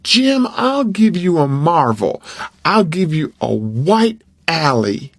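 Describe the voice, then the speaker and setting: Man voicing a mischievous young boy, wheedling and persuasive, raised high voice, dry close sound. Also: very animated, takes it slowly, dry recording, full character voice. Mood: coaxing.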